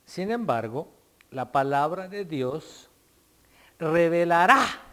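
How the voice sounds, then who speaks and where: A man pastor preaching a sermon, explaining his word choices and swinging between loud emphatic phrases and soft asides. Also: high voice, animated, slow.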